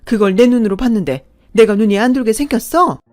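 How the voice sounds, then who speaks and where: A woman's voice: a little high, a little fast, a little mellow, soft background music, close to an everyday voice. A woman voicing a wealthy, fiercely protective middle-aged woman who talks indignantly and gives orders. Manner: indignant, commanding.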